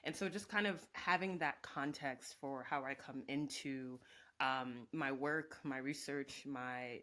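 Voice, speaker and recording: A woman in her thirties, from Jamaica, answering interview questions reflectively with many pauses. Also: rumbling low, pushed and bright. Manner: reflective, speaks in lists with many ums. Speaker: guest, professor and organizer. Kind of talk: conversational interview.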